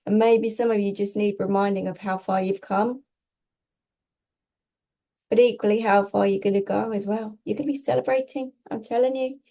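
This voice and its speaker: Mellow-voiced woman giving a tarot reading. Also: mid-range voice, fairly even intonation, normal speed. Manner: reassuring, emphatic, repeats in short phrases. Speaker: tarot reader, host. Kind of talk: casual spiritual guidance monologue, tarot reading.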